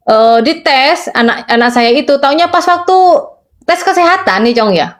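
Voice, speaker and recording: A middle-aged woman with a Madurese accent shares her testimony in a high, earnest voice. She speaks with emotion and keeps turning to her listener. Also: lively intonation, normal speed. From Sampang, Madura, Indonesia. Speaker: evangelist. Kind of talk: personal testimony in conversation.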